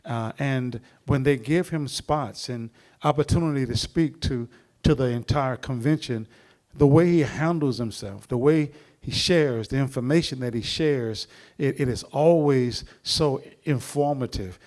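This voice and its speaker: Hosting a church seminar, this middle-aged man brings on the speaker with a meandering, sermon-like introduction dotted with pauses. His voice is medium in pitch and a touch mellow.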